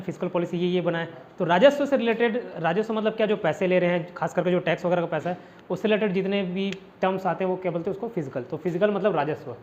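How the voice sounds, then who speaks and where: A man's voice: high voice, a little mellow, highs cut off, slight background noise. Chatty male teacher explaining vocabulary. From India. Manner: chatty, repetitive explanations with rhetorical questions. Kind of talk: casual classroom vocabulary lesson.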